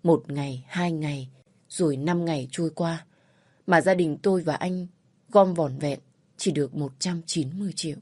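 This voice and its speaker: A woman narrating a first-person story in a slow, sorrowful read. Her voice is low, dark and husky, recorded dry and close, with faint music underneath. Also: no echo.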